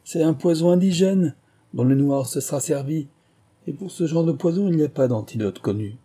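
A man's voice: fairly high pitch, normal speed, dark tone, husky, pitched above the performer's own voice. A man voicing a commanding, pompous plantation manager, as in an audiobook.

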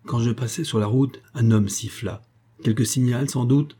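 A man's voice: mid-range voice, steady tone, mellow, husky, lightly acted. A man reading a bitter young officer. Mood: grave. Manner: grave, measured, growing harsh.

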